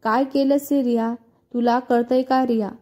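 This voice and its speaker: An angry, weeping mother turning on her daughter, voiced by a woman reading the story. The voice is harsh with tears but stays mellow. It is a storybook reading. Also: fairly high pitch, steady tone, normal speed, natural voice. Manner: harsh, tearful.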